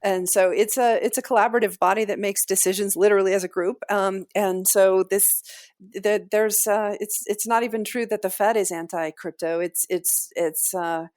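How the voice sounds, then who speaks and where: A woman's voice: mid-range voice, fairly even intonation, normal speed, a little mellow. A woman, a company founder, talking energetically as a guest on an interview podcast and often restarting her sentences. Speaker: guest, founder and CEO of a financial firm.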